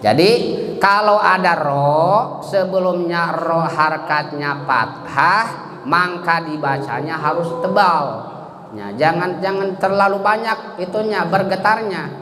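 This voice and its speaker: A man's voice: high voice, takes it slowly, pushed and bright. A man teaching Quran recitation rules, chanting verses and then correcting them. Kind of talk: tajwid lesson at a mosque study circle. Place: mosque hall. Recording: echoey hall with long reverb.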